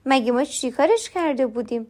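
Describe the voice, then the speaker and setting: A woman with a high, light voice tells her own story in a confiding tone. She narrates steadily and slips into the other people's lines as they come up. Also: animated, a little mellow. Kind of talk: first-person storytelling.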